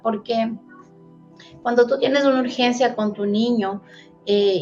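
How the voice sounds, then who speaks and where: Measured woman, clears her throat. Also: on the high side, muffled recording. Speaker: immigrant guest, mother. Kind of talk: casual interview chat.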